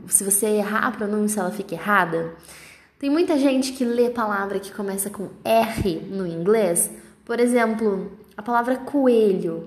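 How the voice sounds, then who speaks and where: A Brazilian woman with a Brazilian Portuguese accent, an English teacher explaining word pairs on a podcast and repeating example words slowly. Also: on the high side, echoey room. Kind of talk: podcast lesson.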